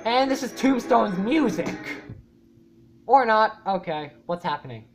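A woman YouTuber giving casual reaction commentary, rambling and swearing often, with loud startled outbursts. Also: mid-range voice, animated, unhurried, over music. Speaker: YouTuber reacting to a fan animation.

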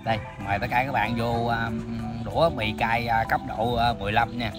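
A man's voice: mid-range voice, steady tone, a little fast. A man in his thirties with a southern Vietnamese accent chats casually to viewers while eating, his mouth burning from spicy food. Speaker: mukbang host. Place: outdoors in greenery, sitting on the ground. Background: music.

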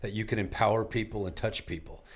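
A man with a somewhat low voice, talking as an author and life coach in an interview. He delivers his points with energetic, preacher-like conviction and punchy repetition. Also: fast. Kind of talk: motivational interview talk.

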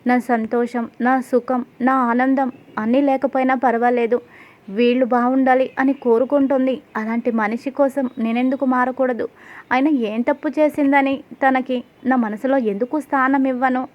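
A woman voicing a young husband thinking things over, in a steady, level reading. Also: sits high, moderate pace, highs cut off, lightly acted. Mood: reflective. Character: young husband resolving to change.

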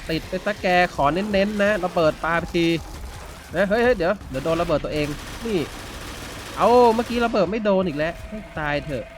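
Excitable young man narrating a game. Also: high-pitched, a little fast, slight background noise. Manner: excitable, exclaims and narrates gameplay. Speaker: gaming YouTuber. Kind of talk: let's play commentary.

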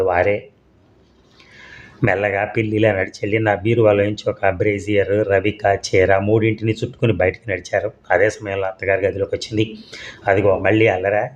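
Male narrator, audio story, monotone, low voice, dull recording.

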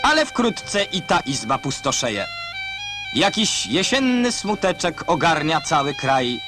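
A man's voice: a little high, very animated, takes it slowly. A man narrating a 1960s newsreel voice-over with wry, ironic commentary. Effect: old newsreel narration. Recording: narration under loud music.

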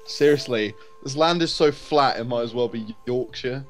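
A man's voice: mid-range voice, moderate pace, soft background music. A man gaming with friends over voice chat, grumbling and swearing in banter. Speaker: gamer. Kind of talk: casual multiplayer voice chat.

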